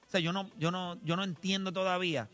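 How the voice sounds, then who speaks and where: A middle-aged man with a Puerto Rican accent hosting a casual sports talk show, loud and joking. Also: high voice, steady tone, brisk, soft background music. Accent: Puerto Rican Spanish. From Puerto Rico. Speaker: radio sports show host.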